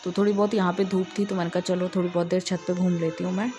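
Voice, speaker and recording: A woman's voice: lowish voice, flat delivery, quick pace, over music. A woman narrating her day in a casual home vlog, telling it in a chatty, rambling way. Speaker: vlogger.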